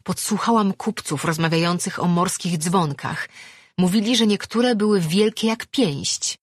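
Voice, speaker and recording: A woman's voice: measured pace, breathy edge, dry recording, studio quality. Woman voicing a breathless young sea girl. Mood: persuasive. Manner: breathless, eager, high-pitched. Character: young sea-dwelling girl, timid yet determined.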